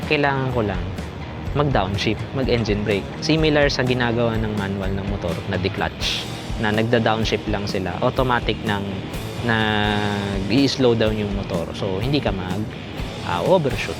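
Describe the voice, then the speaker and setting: A man's voice: on the low side, moderate pace, music in the background. A Filipino man hosting a casual vlog review, explaining things directly to his viewers. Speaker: vlog host, motorcycle reviewer.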